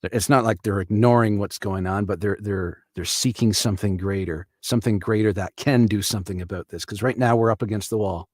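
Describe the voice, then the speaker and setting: A man's voice: on the low side, fairly quick, hardly any pauses, dry recording, clean studio sound. A man from Canada hosting a live stream, talking casually in an earnest, reflective way. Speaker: livestream host.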